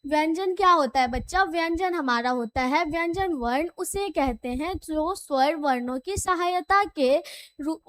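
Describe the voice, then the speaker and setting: A woman's voice: extremely high pitch, pushed and bright. A woman teaching grammar to young children, asking questions and answering them herself, with English words mixed into her Hindi and a Bihari Hindi accent. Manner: asks questions and answers them herself, calls listeners "beta" and "bachcha". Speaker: primary school Hindi teacher. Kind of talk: classroom lesson.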